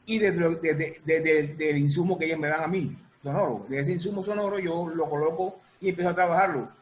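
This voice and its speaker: The audio is dull and slightly noisy as a man with a somewhat high voice, a music producer and sound designer, chats informally about his work as a guest. He hesitates often, going back over what he said and putting it another way.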